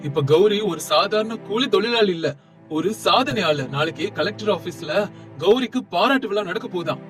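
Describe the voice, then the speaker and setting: Brief: a man playing an eager young village guy, high voice, excited, light music behind. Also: moderate pace. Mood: joyful.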